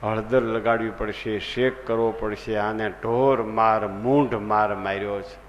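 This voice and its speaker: Slow, low-voiced preacher. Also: male voice, fairly even intonation, lo-fi sound. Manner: earnest storytelling, acting out the people in his story. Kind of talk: devotional sermon with storytelling. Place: large assembly hall. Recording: long hall reverb, faint background noise.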